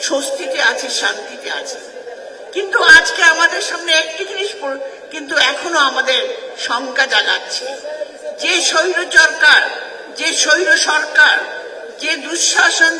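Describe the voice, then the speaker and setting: A woman giving a forceful, repetitive political speech at a rally. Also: high voice. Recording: echoey hall, mic far off.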